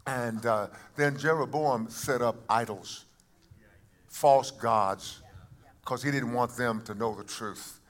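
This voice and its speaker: A man preaching a sermon to a congregation, shifting between quiet asides and loud emphatic calls and often restarting his phrases. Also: mid-range voice, takes it slowly. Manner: repeats words and restarts phrases. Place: church service before a congregation.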